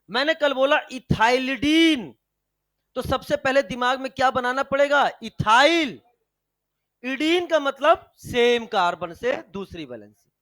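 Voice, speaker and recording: A man's voice: sits high, a bit bright, no room sound. A man teaching a chemistry lecture, quizzing his students with repeated questions and addressing them fondly as his kids. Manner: calls students "beta". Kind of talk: classroom lecture.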